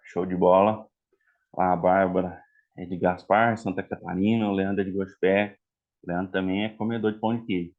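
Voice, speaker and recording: Phone-quality sound carries a low, fairly flat voice at a moderate pace. He's an online course instructor from Minas Gerais with a mineiro Portuguese accent, chatting through a live class for therapists, addressing the "galera" and often asking "tá?" and "né?"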